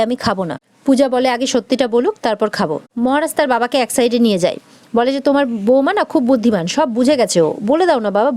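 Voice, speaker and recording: A woman with a high voice races through a TV serial recap, reading out each character's lines as she goes. The recording is dry and close, with no room sound. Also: a little mellow, no echo. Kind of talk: fast retelling of a TV serial episode with quoted dialogue.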